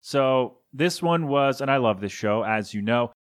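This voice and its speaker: A man's voice: medium pitch, expressive, a little slow. Rambling, chuckling male podcast host. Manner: rambling, chuckling asides, frequent ums and uhs. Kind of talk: casual solo podcast monologue.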